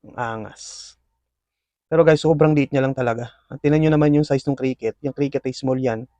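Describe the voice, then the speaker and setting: A man hosting a scorpion video talks casually to his audience while feeding his pets, offering lively play-by-play sprinkled with fillers. He speaks briskly at a medium pitch, and the sound has no echo.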